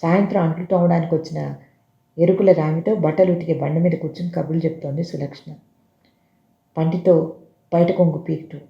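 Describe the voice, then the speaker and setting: A storyteller reading a dramatic story aloud in an expressive, measured way. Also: mid-range voice, gravelly. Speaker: narrator. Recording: roomy dull lo-fi recording.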